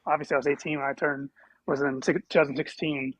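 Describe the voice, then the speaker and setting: A man's voice: on the high side, level tone, fast talker, poor audio. Hesitant young man calling in. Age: 20s. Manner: hesitant, stumbling. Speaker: caller.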